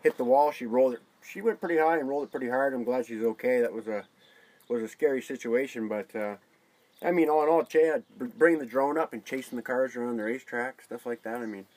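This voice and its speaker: A man speaking as an interview guest in a casual chat, halting and repeating words as he goes. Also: medium pitch, darkish tone, no echo, low-quality recording.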